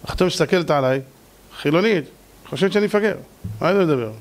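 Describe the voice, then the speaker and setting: A man, a rabbi, giving a lively sermon with stories and jokes, now and then rising almost to a shout. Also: fairly high pitch. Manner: animated, rises to near-shouting on key points.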